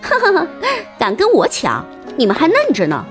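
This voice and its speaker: A woman's voice: fairly high pitch, huge pitch swings, normal speed, faint music behind, pitched above the performer's own voice. A woman voicing an arrogant, bold young lady in an audiobook. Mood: gloating. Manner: arrogant, brash.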